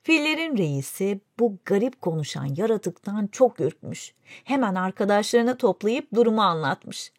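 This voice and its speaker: A woman narrating a folk fable in a clear, even storytelling delivery. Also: mid-range voice, moderate pace, no echo, studio quality. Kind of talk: scripted fairy-tale narration.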